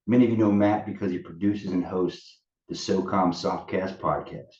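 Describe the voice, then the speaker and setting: A man with a low, steady, slightly mellow voice co-hosts a casual podcast at normal speed, introducing a guest. The show is recorded in a pub used as an offsite studio, and an audio fault leaves the mic sounding echoey, dull and distant.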